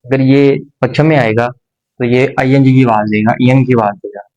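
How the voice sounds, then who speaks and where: A man teaching a language lesson, explaining slowly and patiently with pauses and repetitions. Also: mid-range voice, fairly even intonation, darkish tone, muffled recording.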